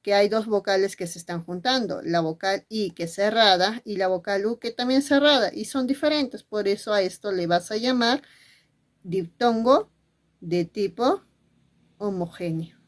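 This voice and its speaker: A woman's voice: medium pitch, normal speed. A woman teacher giving a spelling lesson. She asks questions and then answers them herself, and she speaks fondly to her pupils.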